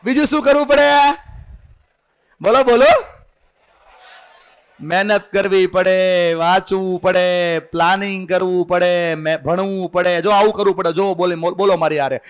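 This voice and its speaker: A man's voice: high-pitched, unhurried, pauses often, clean tone. A man giving a motivational seminar talk to students, rousing them with call-and-response. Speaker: motivational speaker. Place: hall full of students.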